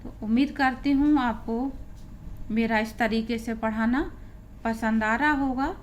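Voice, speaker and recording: A woman's voice: fairly high pitch, slight background noise. A woman teaching an English pronunciation lesson, explaining rules step by step and spelling out letters one by one. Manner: slow, deliberate, spelling out letters.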